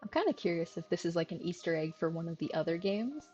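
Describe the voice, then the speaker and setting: A woman chatting casually while streaming a visual novel, giggly and full of fillers. Her voice sounds mellow and warm. The audio is slightly muffled, with faint music behind her. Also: on the low side, animated, fast.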